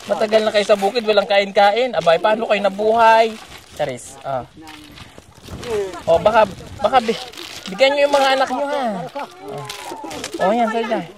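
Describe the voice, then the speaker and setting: A man's voice: high-pitched, normal speed, long pauses. A man with a Mindanao Filipino accent, vlogging outdoors in a rural village as he hands out donations, bossing and teasing the children in a joking way. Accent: Davao, Mindanao Filipino. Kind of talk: casual outdoor vlog talk. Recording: crowd noise around the speaker. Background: villagers and children chattering.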